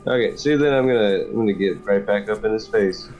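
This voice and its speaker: A man's voice: lowish voice, a little fast, a little mellow, dull audio, faint music behind. A man playing in a tabletop game, talking casually and bluntly, with some swearing. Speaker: player.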